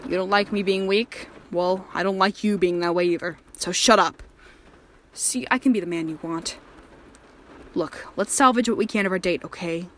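A woman's voice: lowish voice, normal speed, a little hiss or hum, lightly acted. A woman voicing a volatile, possessive male killer in an audio drama, speaking in a controlling, threatening manner. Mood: softly menacing. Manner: menacing and controlling, soft-spoken then raging. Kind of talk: erotic horror audio drama.

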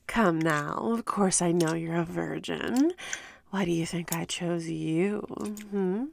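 A woman playing a slow, mocking inhuman seductress. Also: fairly low pitch, gravelly, a little hiss or hum. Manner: slow teasing whispers, mocking laughs. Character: predatory inhuman female seductress, mocking and dominant. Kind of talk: erotic audio roleplay.

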